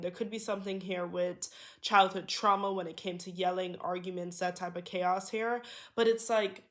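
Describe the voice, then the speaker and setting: Her voice is medium-pitched and a bit bright, nasal, and slightly sick-sounding. As a tarot reader doing a spiritual card reading for viewers, she keeps things reassuring and checks in often with "okay?", also repeating "here".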